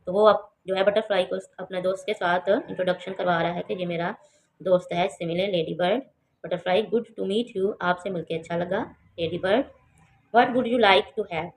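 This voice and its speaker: A woman's voice: lowish voice, low-quality recording. A woman teaching a home English lesson, spelling out words letter by letter and translating each English line. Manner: reads English lines slowly and carefully.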